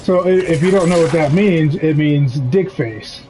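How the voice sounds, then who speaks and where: A native English-speaking gaming streamer chats candidly while he plays, rambling through personal stories with laughter and the occasional swear word. His voice sits on the high side and he speaks unhurriedly. The background is noisy with game sounds behind him.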